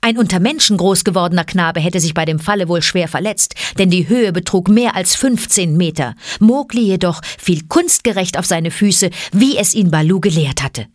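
A woman narrating a classic jungle story in a calm, measured and expressive way. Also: lowish voice, dry recording, clean studio sound. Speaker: audiobook narrator.

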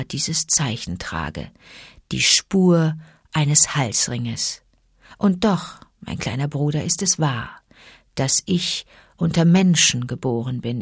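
Wise protective panther, low and hushed, read by a woman; dry close sound. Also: breathy edge, dry recording, heavily acted. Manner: calm, low and confiding, urgent at times. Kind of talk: audiobook character reading.

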